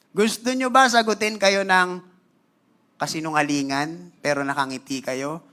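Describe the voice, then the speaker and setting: Bright-voiced Filipino pastor telling a story. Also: male voice, on the high side. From Philippines. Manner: animated, conversational, switching between Tagalog and English; clears his throat often. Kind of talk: storytelling sermon to a congregation.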